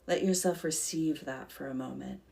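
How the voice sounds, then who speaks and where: A woman guiding a calm grounding exercise, speaking gently and soothingly in short, unhurried phrases as a meditation leader. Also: low-pitched, creaky.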